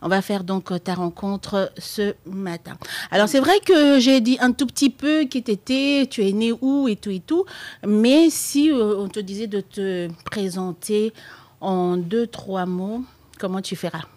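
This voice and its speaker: A woman's voice: mid-range voice, measured pace, a little mellow. Female host, playful and teasing, laughs a lot, chatty. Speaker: radio show host. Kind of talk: casual chat interview.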